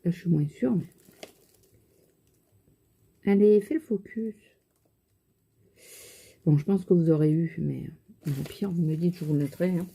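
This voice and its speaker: A woman's voice: lowish voice, measured pace, vocal fry, long pauses, dark tone, breathy edge. A woman with a regional French accent, chatting casually to camera about her shopping haul and makeup, rambling with many fillers and sounding tired.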